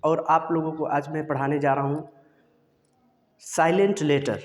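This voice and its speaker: A man's voice: fairly high pitch, little pitch movement, a little slow, in a large hall. A man teaching a video lesson, asking questions and answering them himself.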